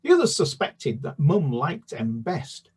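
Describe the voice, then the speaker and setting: The speaker, a British man who writes children's books, has a slightly rough voice that sits on the high side. He talks haltingly about his work with many fillers and restarts, then reads a chapter aloud, narrating steadily.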